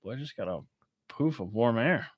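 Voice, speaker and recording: Dude cohosting a podcast, rambly and giggly, dry close sound. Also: male voice, mid-range voice, expressive, normal speed, no echo. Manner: laid-back, giggly, rambling recaps. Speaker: podcast co-host. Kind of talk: casual movie-recap chat. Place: small warm room, under a heater.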